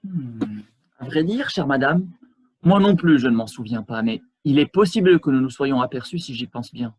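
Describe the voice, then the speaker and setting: A man playing a stiffly polite English gentleman in an absurdist stage scene, speaking in a halting, ceremonious way over a video call. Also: medium pitch, animated, slightly rough, rough recording. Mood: formal. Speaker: amateur actor.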